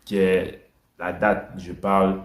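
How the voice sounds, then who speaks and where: A man's voice: low voice, little pitch movement, slow. A man teaching a basic language lesson, patiently repeating each word for learners to say after him. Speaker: English and French teacher. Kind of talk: slow explanatory language lesson. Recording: echoey room.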